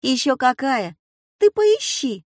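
A woman doing a lively teasing schoolgirl. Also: a little high, dry recording, clean studio sound, pitched above the performer's own voice. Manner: quick, teasing and bright.

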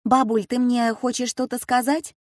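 A woman voicing a lively, teasing schoolgirl granddaughter in a storybook reading. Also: on the high side, no echo, studio quality, pitched above the performer's own voice, lightly acted. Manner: quick, teasing and bright.

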